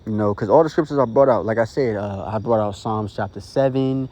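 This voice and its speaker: A man's voice: fairly low pitch, fairly quick, mellow, lo-fi sound. A man preaching informally into his phone, earnest and rambling, tagging lines with "you know" and "okay?". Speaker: street preacher. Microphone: phone recording.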